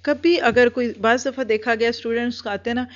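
A woman with a somewhat high voice trains group leaders in an earnest instructional talk. She repeats her points and backs each one with everyday examples. The recording sounds dull and lo-fi. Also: steady tone.

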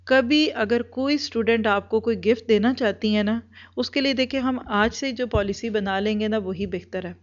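A woman whose voice sits somewhat high is coaching group leaders with earnest instruction. Each point gets repeated and illustrated with ordinary, everyday examples, though the recording itself is muffled and lo-fi.

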